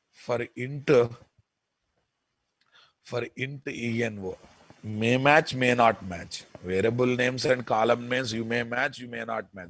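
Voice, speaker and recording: Slow-paced man with a Telugu Indian accent. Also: medium pitch, fairly bright tone, slightly rough, no room sound. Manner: repetitive, emphatic, often checks with listeners. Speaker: programming instructor. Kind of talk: informal software lecture.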